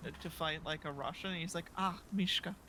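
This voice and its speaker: A tabletop player in casual chat, excitable and joking with frequent swearing. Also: medium pitch, quick pace, low-quality recording.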